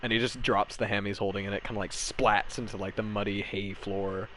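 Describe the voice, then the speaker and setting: A man with a fairly low voice narrates a tabletop game as its game master. He rambles, fills pauses with ums, and laughs easily. A faint hiss sits under his voice. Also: fairly even intonation, a bit bright.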